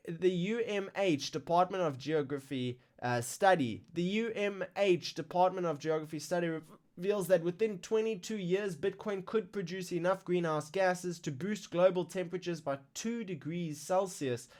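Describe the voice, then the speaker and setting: A man hosting a live crypto news stream, reading market figures in a casual, excitable way while fighting the hiccups. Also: sits high. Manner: excitable, exclaims over numbers.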